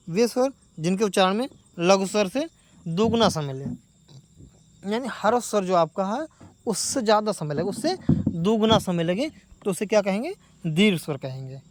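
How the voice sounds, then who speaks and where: A man teaching a grammar lesson for exam preparation, asking questions and answering them himself, stretching sounds out slowly. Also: high voice. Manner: stretches sounds out slowly when demonstrating vowels.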